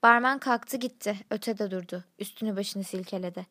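A woman's voice: medium pitch, moderate pace, sharp tone. Woman reading a gritty first-person story. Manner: gritty, blunt, slang-laden narration.

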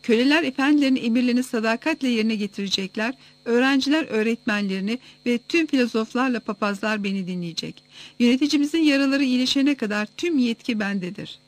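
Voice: mid-range voice, quick pace, natural voice. A reader voicing a stern male temple leader who gives orders to a crowd in an audiobook. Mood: commanding. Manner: stern, proclaiming. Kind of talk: audiobook reading.

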